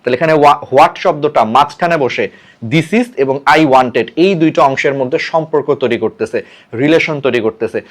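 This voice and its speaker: Slow-reading Bangladeshi teacher man. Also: mid-range voice. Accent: Bangladeshi Bengali. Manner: explains in Bengali, reads English examples slowly and deliberately; checks in often with "ঠিক আছে?". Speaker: English teacher. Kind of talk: exam-prep grammar lesson.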